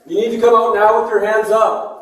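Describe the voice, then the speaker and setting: A man's voice: little pitch movement, a little fast, fairly bright tone. A sheriff's deputy, a man, giving firm, repeated police orders through a megaphone outside an apartment building. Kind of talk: police commands to a barricaded apartment. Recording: booming megaphone echo from far off.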